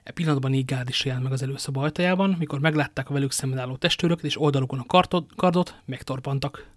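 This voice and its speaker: A man reading a novel aloud as narrator, steady with occasional slips and restarts. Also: medium pitch, dry recording, clean studio sound. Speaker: reader. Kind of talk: audiobook narration.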